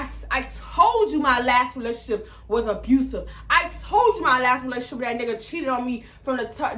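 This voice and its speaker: A woman, with a high, bright voice. She talks in an animated, profane way and acts out her side of arguments as she goes. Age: 20s. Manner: animated, profane retelling with re-enacted dialogue. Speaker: vlogger. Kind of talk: storytime vlog.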